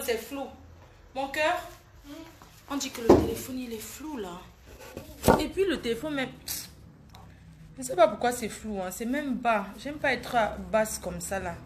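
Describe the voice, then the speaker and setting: Brief: older woman live streamer, defiant and lecturing, a touch high-pitched, in an echoey room. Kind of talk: casual Facebook live. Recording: echoey room with faint noise.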